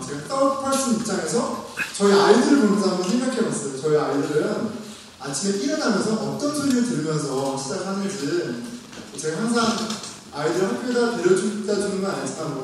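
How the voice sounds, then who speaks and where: A middle-aged male pastor preaching with a high, swinging voice that leaps up and drops low. He tells everyday stories and acts out the people in them. The sound comes from far off in a big reverberant hall with faint noise behind. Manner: animated storytelling, acts out scolding his kids. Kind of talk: sermon. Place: church hall.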